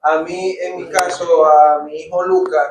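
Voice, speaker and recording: A man's voice: fairly high pitch, level tone, a little slow, echoey room, distant mic, rough recording. A man sharing about raising his young son, speaking hesitantly in a group talk.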